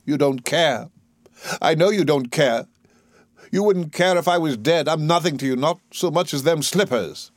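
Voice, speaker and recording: In a play reading, a man voices a proud young working-class woman, pitching himself above his natural voice and acting it lightly, bitter, defiant and anguished. His medium-pitched voice moves at a normal pace. The recording is dry and studio-clean.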